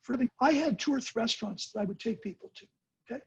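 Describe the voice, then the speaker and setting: A husky man on a remote call gives advice in an emphatic way, stopping often to ask "okay?". His connection keeps breaking up, and the dull lo-fi audio cuts in and out. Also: very high-pitched, quick pace. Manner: emphatic, repeats words and checks in with "okay?". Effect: audio breaking up and cutting out over a remote call. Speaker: business mentor. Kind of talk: giving advice on a group video call.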